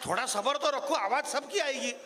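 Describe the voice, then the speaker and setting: High bright-voiced man on stage. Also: a little fast, slight background noise. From Marwar, Rajasthan. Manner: joking asides, then rising declamation. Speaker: stage poet. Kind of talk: live poetry recital with banter. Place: stage at a live event. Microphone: stage microphone.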